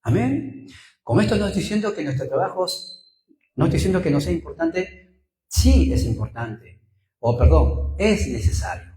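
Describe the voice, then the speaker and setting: A Peruvian man with a Peruvian Spanish accent preaches as a pastor, recounting personal stories, repeating phrases for emphasis, and asking rhetorical questions. His slightly high, dark-toned voice has big pitch swings at a normal speed, heard through a rough, reverberant recording.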